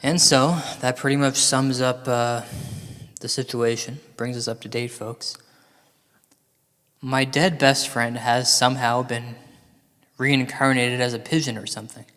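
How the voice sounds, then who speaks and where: A comic storyteller starts theatrically reciting a poem that turns into an exasperated monologue, delivered in a dramatic manner. His medium-pitched voice is fairly bright, a little slow, and fairly even in intonation, with long reverb like a large hall.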